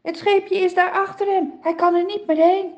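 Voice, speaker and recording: A woman's voice: very high-pitched, fairly even intonation, normal speed, a little mellow, highs cut off, voice pushed up. A woman voicing Peter, an eager, impulsive disciple, in a children's Bible story. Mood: alarmed.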